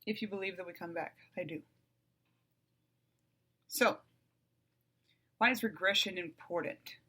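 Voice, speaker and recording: This is a woman in her forties from the United States, talking alone into the mic on her podcast. Her voice is bright and forward. She speaks bluntly, swears without a second thought, and repeats herself to drive a point home. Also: fairly low pitch, measured pace, breathy edge. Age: 40s. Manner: blunt, swears freely, repeats phrases for emphasis. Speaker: podcast host. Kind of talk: casual solo podcast monologue.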